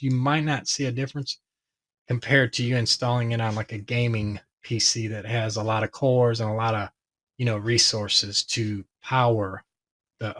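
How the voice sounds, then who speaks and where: Rambling through a tech explanation for his audience, this male video host sounds hoarse, medium-pitched, and a little bright. His delivery is relaxed and loaded with fillers.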